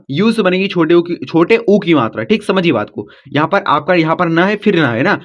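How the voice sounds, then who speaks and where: A man gives a patient spelling lesson to children, spelling each name slowly letter by letter. His voice sits fairly high for a man. The recording is dull and lo-fi. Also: fairly bright tone. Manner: patient, repeats "ठीक?" after each step. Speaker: English teacher. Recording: dull lo-fi audio.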